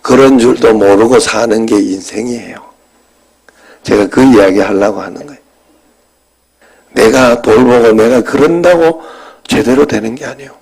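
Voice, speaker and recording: A pastor in his fifties with a lilt preaches in an easy storytelling tone. His middle-pitched voice rises and falls as he talks, now lively, now nearly hushed. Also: normal speed, long pauses, husky, poor audio. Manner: conversational storytelling, swings between animated and hushed. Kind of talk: sermon.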